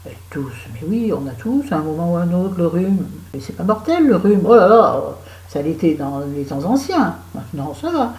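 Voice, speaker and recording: A woman's voice: fairly low pitch, big pitch swings, moderate pace, hardly any pauses, darkish tone. A French woman with a cold and a sore throat, chatting to her viewers in a rambling, self-mocking vlog at home. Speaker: vlogger. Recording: echoey room.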